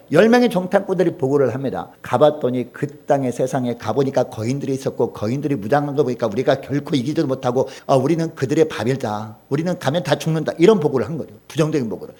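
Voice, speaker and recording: Animated Korean pastor preaching, higher-pitched man. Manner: animated preaching with acted quotes and rhetorical questions. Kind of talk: sermon.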